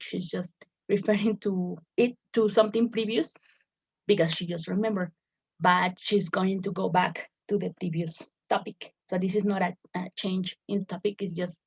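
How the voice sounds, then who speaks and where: A woman's voice: lowish voice, creaky, breathy edge. A woman teacher explaining a lesson step by step, often repeating words as she searches for the phrasing. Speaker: English teacher. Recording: dull lo-fi recording.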